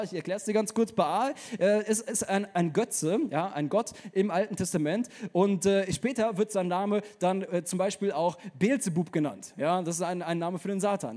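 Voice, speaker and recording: A young man preaching a casual, energetic sermon, talking straight to the listener in colloquial words. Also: high voice.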